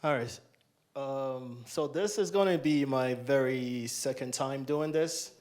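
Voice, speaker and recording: A young Ghanaian man leads a libation ceremony in a large hall, offering solemn, repeated invocations into a handheld mic. His medium-pitched voice is slow and somewhat dark in tone, suited to this ceremonial address.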